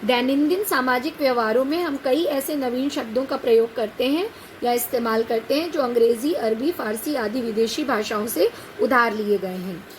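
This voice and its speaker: A woman with a high, bright-pitched voice teaches a class in a patient, explanatory way. She keeps asking rhetorical questions and checking whether her students follow. Faint noise hums behind her. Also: normal speed, rough recording. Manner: patient, addresses students as "बेटा". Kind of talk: classroom lecture on a set text.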